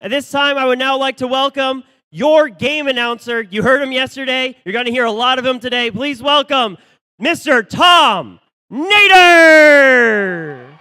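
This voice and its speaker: Male arena emcee, crisp and high, stretching out hyped announcements in fighting game announcer fashion. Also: steady tone, fairly quick, hardly any pauses, bright, forceful tone. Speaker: robotics competition emcee. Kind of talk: live event announcing to an arena. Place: indoor sports arena over a PA.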